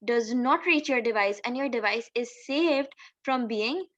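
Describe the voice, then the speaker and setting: A physics teacher explains things tutorial-style, moving step by step and asking questions along the way. Her voice is a little high and fairly bright, and she speaks a little slowly. The microphone gives a dull, lo-fi sound.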